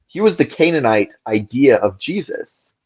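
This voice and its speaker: A man's voice: mid-range voice, very animated, moderate pace, darkish tone, husky, muffled recording. A man on a podcast talking through ideas at length in casual discussion, often checking in with "right?". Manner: thoughtful, explains at length with frequent "right?". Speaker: podcast co-host.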